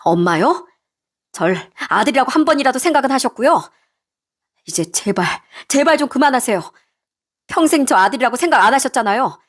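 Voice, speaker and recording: Lady doing a low cold fed-up son, firm and weary, storybook voice. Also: lively intonation, fairly quick. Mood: bitter. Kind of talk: storybook narration with acted voices.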